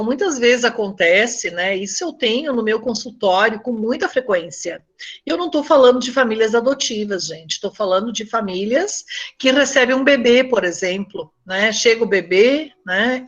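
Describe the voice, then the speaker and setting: A woman's voice: a little high, lo-fi sound. An older woman from Brazil with a Northeastern Brazilian accent. She is a psychologist who gives a conversational talk to a support group, telling stories and often checking in with her listeners. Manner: conversational, tells stories, often asks "né?" and addresses the group as "gente".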